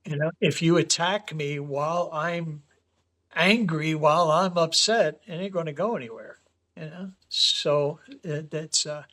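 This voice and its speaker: A man's voice: fairly high pitch, a little slow, sharp tone. A man talking casually as a podcast guest, emphatic and acting out little bits of dialogue as he makes his points. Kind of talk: casual conversation.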